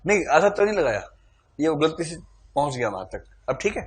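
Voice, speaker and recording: A man's voice: fairly high pitch, sing-song, a little fast. A man teaching a classroom lecture, quizzing his students, calling for shows of hands and teasing them playfully.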